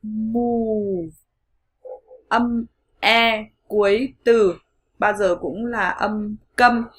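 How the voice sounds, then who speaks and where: A Vietnamese-speaking woman teaching English pronunciation in an online lesson, modeling each sound slowly and repeating words for learners. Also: medium pitch, steady tone. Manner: slow, clear modeling of sounds with repetitions.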